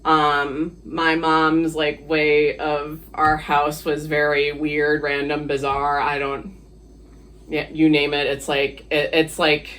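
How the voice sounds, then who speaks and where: A man's voice: fairly high pitch, completely flat delivery, takes it slowly, a bit bright, a little hiss or hum. Hesitant man from the Philippines. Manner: hesitant, many fillers, laughs easily. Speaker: guest. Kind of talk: casual interview talk.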